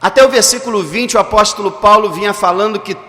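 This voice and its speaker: Emphatic pastor in a church hall. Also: male voice, sits high, bright, forceful tone. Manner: emphatic, dramatic storytelling with slowed stresses. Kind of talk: sermon.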